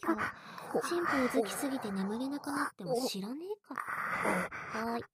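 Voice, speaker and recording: A woman's voice: a little high, animated, normal speed, heavy background noise, close to an everyday voice. Woman playing a bratty mocking tease. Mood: teasing. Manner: rough slangy mocking speech, rhythmic counting. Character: bratty teasing domineering young woman. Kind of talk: audio role-play.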